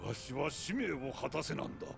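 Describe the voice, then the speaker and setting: An actor playing an old king and sworn guardian in a video game, speaking gravely in archaic old-man speech. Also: a little high, expressive, normal speed. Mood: solemn, regretful. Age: older. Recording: music playing behind the voice.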